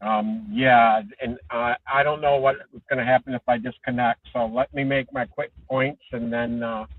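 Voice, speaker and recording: A man's voice: medium pitch, steady tone, dry recording. Sex: man. Role: caller. Sound: muffled, as if heard through a wall. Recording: far-off phone line. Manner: halting, many ums and restarts. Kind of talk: call-in sports talk. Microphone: Bluetooth phone headset.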